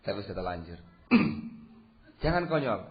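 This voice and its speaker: A man preaching at a religious study lecture, switching between loud emphatic bursts and quiet asides and asking rhetorical questions, in his speech. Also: lowish voice, big pitch swings, measured pace. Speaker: Islamic preacher. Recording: dull lo-fi lecture recording.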